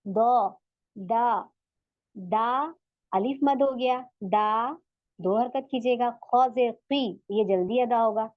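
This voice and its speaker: A woman's voice: on the high side, dry recording, narrow, tinny audio. A woman teaching tajweed in an online lesson, patiently stretching out sounds to demonstrate them. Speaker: Quran recitation teacher.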